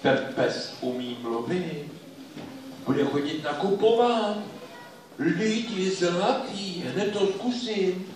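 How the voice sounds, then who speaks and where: A man voicing an eager, excitable father, in an echoey room from a distant mic. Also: high voice, slight background noise, pitched above the performer's own voice.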